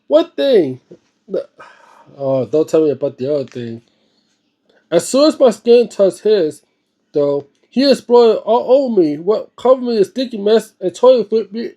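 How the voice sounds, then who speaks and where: This man's high, mellow voice has a sing-song lilt as he reads from a book at normal speed. It's an informal reading: he sometimes fumbles the wording and breaks off for offhand comments.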